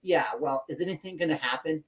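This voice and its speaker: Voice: mid-range voice, big pitch swings, normal speed, rough recording. A podcast co-host in casual political chat, talking emphatically with sardonic asides and frequent stammered restarts.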